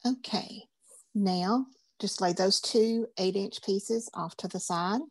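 A woman's voice: mid-range voice, slow pace, dry recording. A woman, teaching a craft class in a chatty, upbeat, folksy way. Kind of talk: casual craft class instruction.

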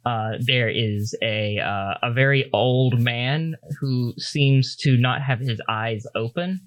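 A man improvising narration as game master of a tabletop game, in a halting, loose way. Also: mid-range voice, a bit bright, no room sound.

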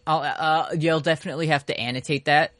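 A woman's voice: low-pitched, steady tone, fast, fairly bright tone, dry recording. A woman co-hosting a podcast in casual comedic banter, joking and riffing. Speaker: podcast co-host.

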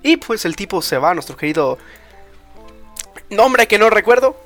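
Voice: medium pitch, sing-song, normal speed, fairly bright tone, soft background music. A speaker, co-hosting a podcast and recapping an anime episode in casual chat. They ramble, with many fillers and tag questions. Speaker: podcast co-host.

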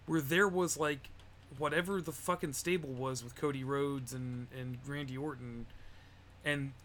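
A man's voice: mid-range voice, measured pace, slight background noise. A man co-hosting a podcast, chatting loosely and swearing as he tells wrestling stories. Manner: loose, profane, animated storytelling. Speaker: podcast co-host. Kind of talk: casual chat.

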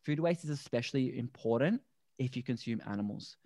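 A man, a guest on a podcast, explaining things earnestly and deliberately in a conversational interview. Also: medium pitch, expressive, warm tone, no echo, studio quality. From Australia. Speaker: podcast guest, endurance athlete.

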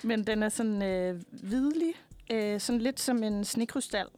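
Speaking at a medium pitch, a young woman in her twenties who's a guest singer gives a casual, relaxed interview, hesitant and full of fillers.

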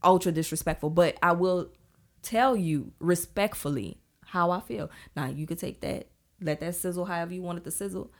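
A woman's voice: fairly low pitch, moderate pace. A woman in her thirties on a casual podcast, talking firmly and counting off her points. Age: 30s. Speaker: podcast co-host. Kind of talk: casual chat.

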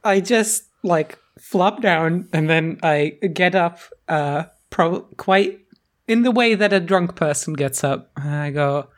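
A tabletop player who speaks slowly and hesitantly, working out their character's moves aloud. Their pitch sits in the middle, and fillers and restarts come often as they explain the rules. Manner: halting, thinks aloud with many fillers. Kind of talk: casual tabletop play.

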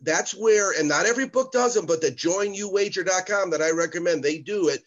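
High-voiced man on a video call. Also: fairly quick, lo-fi sound. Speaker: sports betting guest. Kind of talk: casual chat.

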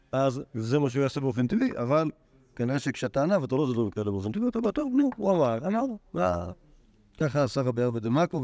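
A man, a rabbi, teaching a Talmud class, animated and full of repeated words and fillers. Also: medium pitch, dry recording. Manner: animated, acts out quoted sages in a raised voice. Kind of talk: lecture to a class.

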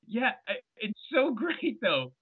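A man guesting on a podcast, talking about a film scene in an animated, amused way. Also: high voice, slow, breathy edge, narrow, tinny audio. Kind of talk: casual film discussion.

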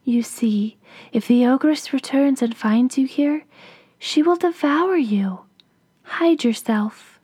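A woman voicing a gentle, sly young maiden who speaks softly and coaxingly. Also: high voice, takes it slowly, breathy edge, dry recording, heavily acted. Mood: urgent. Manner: soft, coaxing.

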